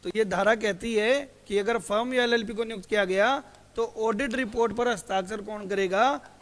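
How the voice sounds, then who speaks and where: This classroom lecture comes from a man whose voice is high-pitched and slightly bright, moving at an ordinary speed. Throwing questions at his students that he then answers on his own, he calls them "beta," and the room carries a hall-like reverb.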